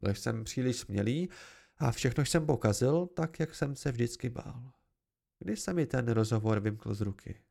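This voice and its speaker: A man's voice: mid-range voice, animated, creaky, dark tone. A man giving an amateur first-person novel narration, reading expressively. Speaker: audiobook reader.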